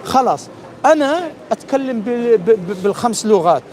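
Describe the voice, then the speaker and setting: A man's voice: high voice, lively intonation, a little fast, a little mellow. A man preaching in a religious debate, insistent and often repeating his phrases.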